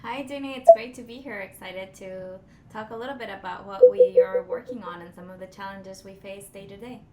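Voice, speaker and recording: A woman from Costa Rica, a design strategist, casually fields podcast interview questions with thoughtful, hesitant wording. Her warm, medium-pitched voice swings widely in pitch and moves fairly quickly. A faraway mic gives the recording an echoey sound and a clearly noisy background.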